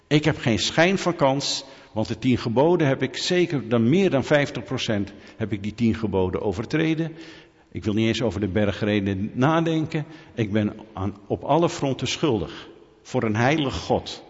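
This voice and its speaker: A man delivers a sermon at a medium pitch, pressing his points hard and throwing questions out to the congregation. His voice rings with a long hall reverb. The recording sounds dull and muffled. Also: animated, moderate pace. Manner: emphatic, asks the audience rhetorical questions. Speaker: preacher.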